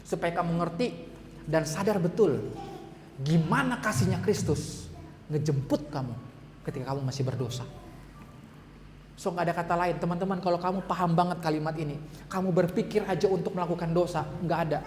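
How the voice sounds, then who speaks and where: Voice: mid-range voice, fairly quick, pauses often, a little mellow, a little hiss or hum. A youth fellowship preacher giving a direct, urgent, conversational sermon in a church hall.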